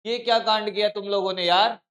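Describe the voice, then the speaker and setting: A man teaching a live online practice class, scolding and coaxing his students in a brisk, familiar way. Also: sits high, steady tone, fairly bright tone, highs cut off.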